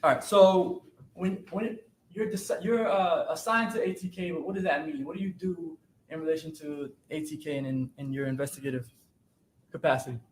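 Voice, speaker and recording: A man, a defense attorney, quickly questioning a witness from a courtroom podium with halting restarts, heard in a courtroom recording. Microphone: courtroom podium microphone. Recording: echoey courtroom, faint rumble.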